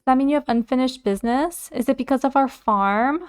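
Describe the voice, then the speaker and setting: A woman hosting a let's play, chatting casually to herself as she plays, and easily excited. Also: high voice, brisk, smooth. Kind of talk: casual gameplay commentary.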